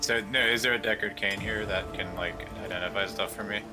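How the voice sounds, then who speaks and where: A man's voice: lowish voice, steady tone, fairly quick, pushed and bright, soft background music, low-quality recording. A man chatting casually and teasing his friends while playing a video game on a live stream. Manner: joking, teasing. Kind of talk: casual gaming chat.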